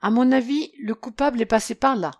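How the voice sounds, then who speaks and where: A woman voicing a clever young male detective prince in a storybook reading, calm and inquisitive. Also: on the high side, a little fast, dry recording, pitched above the performer's own voice, lightly acted.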